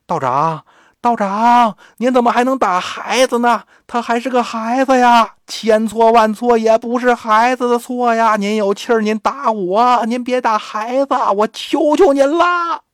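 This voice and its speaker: A man's voice: extremely high pitch, a little slow, no room sound, clean studio sound, pitched above the performer's own voice. A man doing a desperate pleading father. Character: anxious father begging behind a door.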